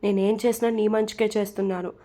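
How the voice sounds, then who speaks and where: A woman's voice: mid-range voice, level tone, quick pace, warm tone, natural voice. A woman voicing an angry young man who talks in curt, commanding orders to his mother and his staff. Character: angry young man, bossy son and father.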